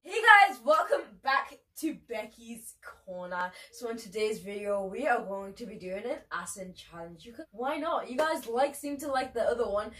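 A woman's voice: a little high, lively intonation, moderate pace, hardly any pauses, fairly bright tone. A young adult woman with a British accent, playfully hosting a casual vlog challenge. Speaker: host of a challenge video. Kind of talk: casual vlog, calling out words. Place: small furnished room indoors. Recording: distant mic, clearly noisy.

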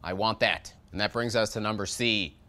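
In his thirties, this man hosts a metal review show and delivers a jokey, scripted review from a studio set lined with shelves of records. His voice is steady in tone, normal in speed, and pushed and bright, with a sarcastic manner and wide swings in pitch.

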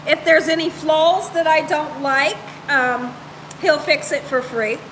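A woman's voice: high-pitched, a little slow, fairly bright tone, slight background noise, rough recording. A woman around her thirties or forties chatting casually and playfully with live viewers as host, repeating phrases for emphasis. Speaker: cooking show host on a livestream. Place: home room, indoors.

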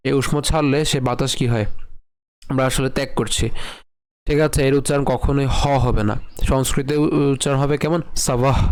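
Male teacher, smooth clear tone, dry close sound, slow careful recitation. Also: a little high, darkish tone, dry recording. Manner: slow syllable-by-syllable chanting of verses; patient explaining, asks and answers own questions. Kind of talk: step-by-step pronunciation lesson.

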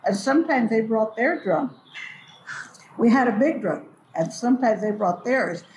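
An elderly storyteller and community elder recalls the past in a relaxed, unhurried way, repeating phrases to stress them. Her slightly high, darkish voice is animated and moves at a moderate pace. She's recorded in a large, echoey cultural-building hall with clear background noise.

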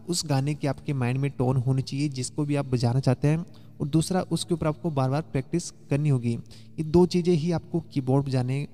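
This keyboard teacher's voice is fairly high and warm, echoing as if in a large room. He explains things step by step in a relaxed, talkative way, occasionally humming a song line, with soft keyboard music underneath.

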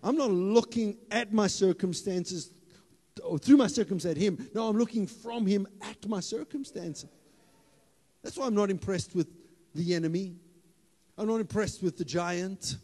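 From a church stage, a South African pastor preaches at normal speed through a handheld mic, his somewhat high voice swinging between relaxed, joking asides and loud, emphatic declarations. He's animated and playful, and the hall lays a long reverb over every line.

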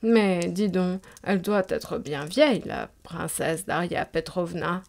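A woman voicing an old, haughty and capricious countess in a storybook reading, giving drawn-out commands. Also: lowish voice, vocal fry, darkish tone, a little hiss or hum. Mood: imperious.

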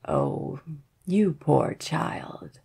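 A woman voicing a very old woman who speaks slowly and hushed, sinking into whispers. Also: deep voice, lively intonation, gravelly, breathy edge, heavily acted. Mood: grave pity. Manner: slow, hushed, drops into whispers. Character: very old woman, pitying, secretive.

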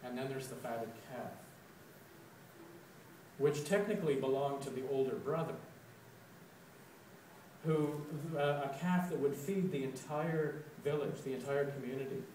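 A man preaching in a church, his voice at a middle pitch, unhurried and measured as he unfolds a story. The mic sits some distance away, so the sound is roomy and echoing, with a faint hiss underneath. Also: a little mellow. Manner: slow, deliberate storytelling, with dramatic quoted outbursts. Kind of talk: sermon reflection. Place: church sanctuary. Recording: echoey church, recorded from a distance.

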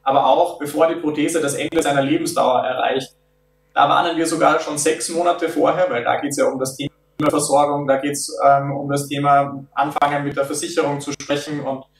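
A man in his thirties speaks in a slightly raised voice over a video call from an office meeting room. He explains step by step and keeps pausing on filler sounds. The sound is roomy and comes from some distance. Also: a little high, level tone. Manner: measured, with frequent filler sounds. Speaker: product developer. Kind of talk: explaining in an interview.

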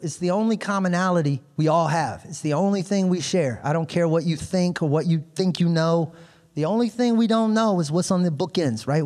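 Animated male stand-up comedian. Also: on the high side. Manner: animated conversational storytelling. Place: comedy club stage. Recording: long reverb of a comedy club.

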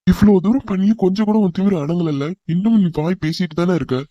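A man's voice: sits high, fast, dry recording, highs cut off, lightly acted. A man voicing an arrogant, hot-tempered rich young man in a cartoon drama, who talks in a scornful, mocking way. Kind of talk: cartoon voice acting.

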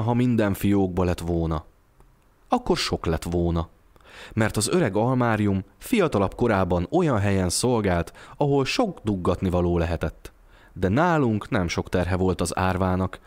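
A man telling a classic short story aloud in a lively, expressive narration for an audio storybook. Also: low-pitched.

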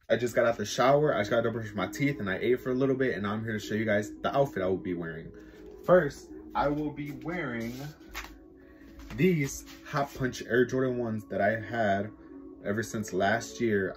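A young man talks straight to his viewers in a loose, rambling vlog, full of fillers and excitement. His voice sits a little low. A music track plays clearly underneath him. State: sleepy, just woken up. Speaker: vlogger. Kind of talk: casual vlog chat.

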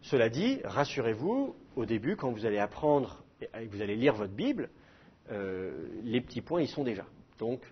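A man's voice: mid-range voice, very animated, moderate pace, dull audio, a little hiss or hum. A middle-aged man teaching a class, explaining with demonstrated sounds and self-mocking humor. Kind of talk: classroom lecture.

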